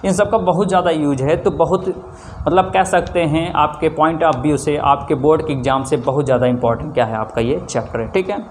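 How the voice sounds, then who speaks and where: A male maths teacher with a north Indian Hindi accent and a slightly high voice. He keeps asking his class questions, answers each one himself and adds a checking "theek hai" again and again. A faint hiss of noise sits under the recording. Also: fairly quick. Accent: Hindi-speaking north Indian. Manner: repeats rhetorical questions and answers them himself; often adds a checking 'theek hai'. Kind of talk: classroom lesson.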